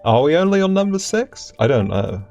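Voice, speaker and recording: Over soft background music on a muffled recording, a young non-native English speaker chats and laughs while racing with friends on stream, reminiscing along the way. His voice is on the high side, gravelly and darkish, swinging widely in pitch and moving a little fast.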